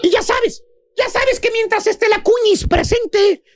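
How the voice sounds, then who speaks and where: A man playing a shrill comic male professor in a radio comedy sketch, shrieking and theatrical as he mocks gossips and mimics them. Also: measured pace, no room sound, studio quality, faint music behind. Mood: mocking.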